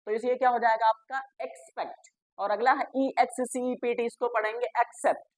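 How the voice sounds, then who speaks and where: Higher-pitched woman teacher. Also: fairly even intonation, a little fast, no echo. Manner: asks the class questions, then answers them herself; spells words out letter by letter and repeats them. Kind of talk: classroom grammar lesson.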